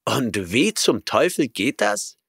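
A man's voice: mid-range voice, sing-song, slow pace, creaky, fairly bright tone, slightly rough, dry recording, studio quality, pitched above the performer's own voice, exaggerated voice. A man reading an audiobook voices a bewildered young man who stammers out hesitant questions. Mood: baffled.

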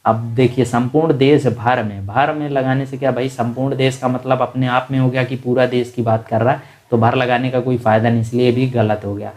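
A man's voice: mid-range voice, little pitch movement, a little fast, darkish tone. Man explaining quiz answers step by step. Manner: explanatory, repeats answers for emphasis; calls listeners "friends". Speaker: exam prep teacher. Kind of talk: online grammar lesson.

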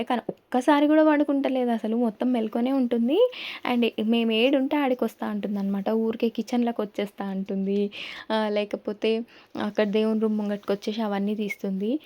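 Young woman narrating a family vlog. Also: a little high. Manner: soft, reflective storytelling, often trailing off with fillers. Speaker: family vlogger. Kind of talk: casual vlog voice-over narration.

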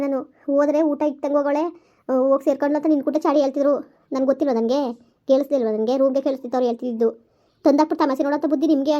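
A woman playing a young wife who complains rapidly and indignantly to her husband about his mother, in a village comedy skit. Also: high-pitched, warm tone, close to an everyday voice. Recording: slightly dull lo-fi recording.

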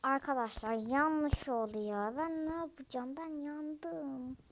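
A woman's voice: high voice, slow, faint music behind. A young girl chatting casually to her viewers, often dropping to a whisper. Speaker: vlogger.

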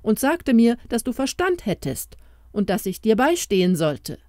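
A woman's voice: a little high, sing-song, normal speed, darkish tone, dry recording, clean studio sound, voice pushed up. A woman voicing an old king bewitched into a small crowned mouse, who comforts and urges the hero in a storybook tale. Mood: earnest, urging. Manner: comforting, urging.

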